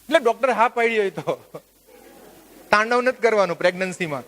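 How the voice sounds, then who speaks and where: A man leading a workshop, lecturing a live audience in an animated, joking way and putting questions to the listeners. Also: high voice, fairly quick. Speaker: workshop trainer. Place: workshop at a religious venue.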